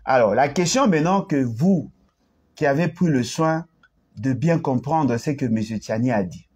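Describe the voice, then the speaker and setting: Husky man explaining politics. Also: medium pitch, expressive, normal speed, darkish tone. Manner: explanatory, repeats and restarts words, slips into Lingala. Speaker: political commentator. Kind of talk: analytical commentary.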